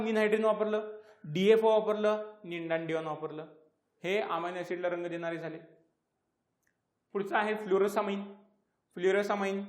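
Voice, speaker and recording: A man's voice: sits high, reverberant. A man with a Marathi accent giving an exam-prep lecture. He asks questions and answers them himself, repeating key terms. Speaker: teacher.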